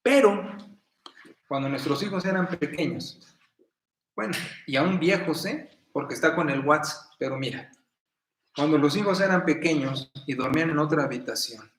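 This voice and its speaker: A middle-aged man with a Mexican accent preaching a sermon in a folksy, storytelling way, with sudden bursts of loud emphasis. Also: on the high side, moderate pace, long pauses, slight background noise. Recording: roomy echo.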